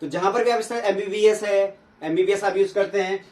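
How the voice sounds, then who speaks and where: A man teaching an English grammar lesson, asking questions and answering them himself while repeating sounds slowly. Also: high voice, steady tone, a little mellow. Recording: echoey room, from a distance.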